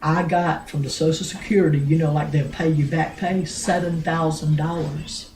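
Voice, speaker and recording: An older grandmother telling a family story in a rambling, blunt way, with many pauses and restarts. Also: low voice, steady tone, a little mellow, slight background noise. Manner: blunt, earthy, with mild swearing. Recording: roomy home recording.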